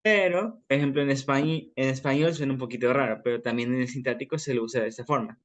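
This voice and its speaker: A man's voice: medium pitch, fast talker. A man with an Ecuadorian accent giving a class presentation, explaining informally with everyday examples. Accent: Ecuadorian Spanish.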